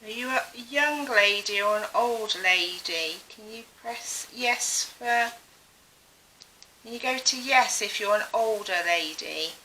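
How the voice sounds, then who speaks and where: Female séance participant, high and extremely sharp voice, questioning spirits, faint hiss. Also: lively intonation, slow pace, poor audio. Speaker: ghost hunt participant.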